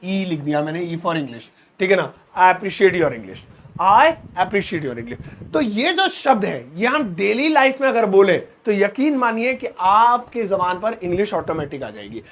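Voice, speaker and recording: Man, high voice, casual bilingual lesson, jokey asides, spells out words slowly. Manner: lively, jokey, teasing asides to students; repeats words slowly while writing. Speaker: English teacher. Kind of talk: casual Hindi-English lesson at a board.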